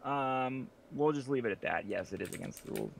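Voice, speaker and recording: Teasing man with a gravelly voice. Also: mid-range voice, animated, a little fast, a little hiss or hum. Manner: teasing, joking; uses fillers and profanity. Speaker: podcast co-host. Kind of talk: casual podcast banter.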